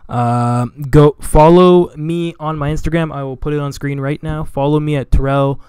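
A young man talking casually through a video game tutorial, rambling with lots of fillers and quick self-corrections, recorded on a desk microphone at home. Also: a little high, steady tone, darkish tone, clear, resonant tone, no echo, clean studio sound. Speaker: gaming video creator. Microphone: desk USB microphone.

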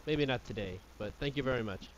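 A man playing a tabletop game, speaking quietly and politely with hesitations. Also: medium pitch, fast, lo-fi sound. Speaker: player. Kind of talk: casual tabletop game chat.

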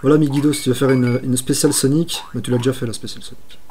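Talking very fast in a mid-range voice, a man gives running commentary while playing classic games on stream. He exclaims over his slip-ups, talks to himself, and mocks himself excitably; there's a little hiss or hum.

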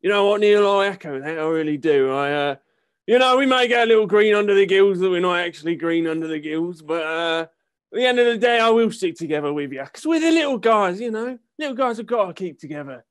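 A man's voice: high-pitched, expressive, quick pace, clear, resonant tone. A man voicing a crude, boastful halfling team manager with a Cockney accent, swearing constantly. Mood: earnest. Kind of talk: comedic voice acting.

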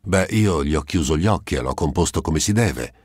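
A man's voice: a bass voice, animated, a little fast, darkish tone, slightly rough, no echo, studio quality, heavily acted. A man voicing a matter-of-fact young medical student in an audiobook. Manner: plain, practical.

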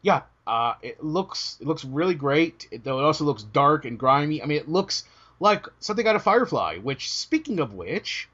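A British man chats as a podcast co-host in a joking, self-interrupting way. His voice is a little hoarse, and his pitch swings up and down a lot. The sound is dull and lo-fi. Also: very animated, moderate pace, a bit bright. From Britain. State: starting to lose his voice. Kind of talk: casual chat. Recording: dull lo-fi audio.

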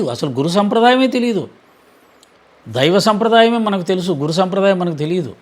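A man giving an earnest devotional talk in a measured, preaching cadence with frequent pauses. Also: high voice, a little mellow. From Andhra Pradesh. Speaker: Sai devotee speaker.

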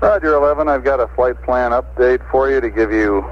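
A man's voice: medium pitch, fairly quick. A man in astronaut radio style, a mission control communicator giving procedural updates and figures. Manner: procedural, reads figures digit by digit. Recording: muffled radio link with hiss.

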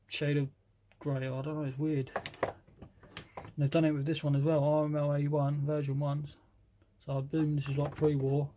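Halting British man reading paint names. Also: on the high side, noisy background. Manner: halting, reads out paint names, admits he can't pronounce them. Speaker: scale model reviewer. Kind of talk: casual unboxing review.

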